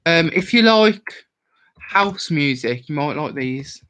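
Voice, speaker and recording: This young man from Worcestershire, England, speaks with a West Midlands accent in a slightly high, expressive, somewhat bright voice, taking his time. Drunk and rambling, he hosts a casual livestream, chatting with viewers and answering their comments aloud.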